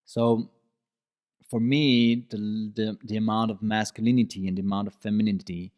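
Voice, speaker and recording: A man's voice: lowish voice, level tone, moderate pace, darkish tone. A man hosting a solo podcast in an earnest, explanatory manner. He repeats key phrases for emphasis and his English phrasing slips at times. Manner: non-native phrasing and grammar slips. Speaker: podcast host. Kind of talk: reflective solo monologue.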